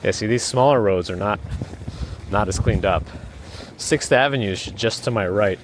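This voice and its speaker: A man's voice: lowish voice, moderate pace, a little hiss or hum. A man rambling through a live stream while walking outdoors in a blizzard, talking into a handheld phone and thanking viewers by name. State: losing his voice. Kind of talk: casual live-stream chatter. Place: snowy city streets outdoors in a blizzard.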